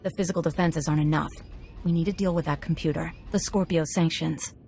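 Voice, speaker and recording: In a game cutscene, a woman voices a tough, cocky convict who slices computers, sounding confident and businesslike. Her deep, creaky, darkish voice moves fast with fairly even intonation, and soft music plays underneath.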